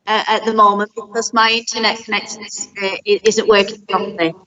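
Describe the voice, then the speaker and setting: Woman, over the phone, ward councillor, formal prepared statement, steady reading, muffled phone audio, mid-pitched voice. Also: a little fast. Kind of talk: formal statement to a planning committee.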